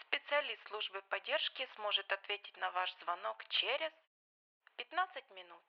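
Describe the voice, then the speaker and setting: A woman reading a formal, polite call-centre hold announcement in a measured way. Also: medium pitch, animated, gravelly. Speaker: automated phone hold announcer. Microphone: telephone line. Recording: muffled lo-fi phone line with loud hiss.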